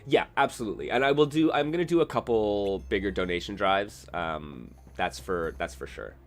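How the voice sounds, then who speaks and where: Male streamer, casual rambling chat over gameplay; low voice, very lively pitch, faint music under. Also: normal speed. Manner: rambling, self-correcting, chatty. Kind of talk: casual live-stream chat while gaming.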